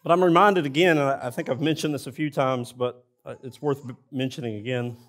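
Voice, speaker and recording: A man's voice: medium pitch, fairly even intonation, a little fast, a bit bright. A man preaching a sermon in a church, speaking earnestly and addressing the congregation directly. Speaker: pastor. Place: church sanctuary.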